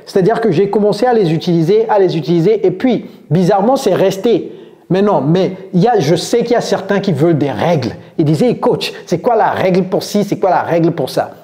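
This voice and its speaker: A man teaching English in French as an online coach, playful and lively, switching between languages. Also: sits high.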